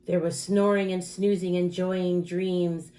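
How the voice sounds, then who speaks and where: Reading a rhyming picture book to a group of children, this woman teacher keeps an expressive rhythm and adds dramatic stress. She speaks slowly in a lowish voice.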